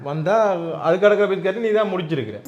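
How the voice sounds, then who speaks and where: A man's voice: sits high, lively intonation, fast talker, muffled recording. A man with a Jaffna Tamil accent who scolds in exasperation in a comic sketch. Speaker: comedian in a sketch. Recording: echoey noisy room.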